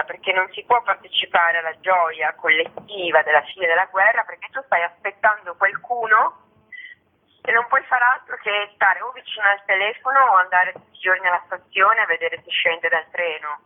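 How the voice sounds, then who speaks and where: A theatre actress and author, appearing as a guest, phones in to a radio interview and talks spontaneously in a mid-range voice. Her delivery is discursive, and she often rephrases mid-sentence, all heard over a tinny, narrow-band telephone line.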